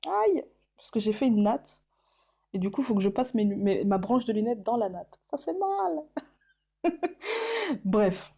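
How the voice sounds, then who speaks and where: A woman's voice: mid-range voice, lively intonation, moderate pace, creaky, warm tone. A woman vlogging casually about her favorite channels, hesitant, with many fillers and restarts, laughing at herself. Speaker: YouTuber. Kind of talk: casual vlog chat.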